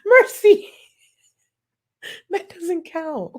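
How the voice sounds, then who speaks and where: This is a live stream where a woman reacts to a video and reads out super chats, mocking them with sassy, profane jokes and laughing often. Her voice is extremely high and a little mellow, with big swings in pitch, and she speaks very slowly. It's casual livestream commentary.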